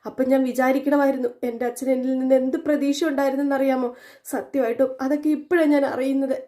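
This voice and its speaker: Woman reading a distraught young husband, sobbing and self-blaming, quick and mellow. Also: high voice, flat delivery, pitched above the performer's own voice, natural voice. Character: grieving young man crying to his wife.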